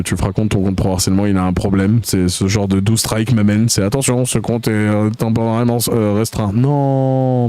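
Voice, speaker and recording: A man's voice: mid-range voice, mellow, smooth, dry recording. A man streaming live, reading out chat messages in a crude, mocking way, with lots of hesitant fillers.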